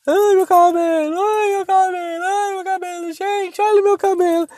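A man's voice: very high-pitched, flat delivery, moderate pace, darkish tone, dry recording, pitched above the performer's own voice. A man mocking a young woman influencer who whines and sobs melodramatically. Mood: wailing.

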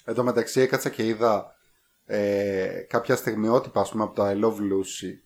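A man's voice: lowish voice, steady tone, darkish tone. A man co-hosting a podcast, chatting casually about films and rambling with many hesitations. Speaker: podcast co-host. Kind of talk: casual film review chat.

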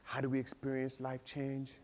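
A man preaching a sermon as pastor, telling the story with animated swings from loud to hushed. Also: mid-range voice, moderate pace. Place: church hall. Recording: long reverb of a large hall.

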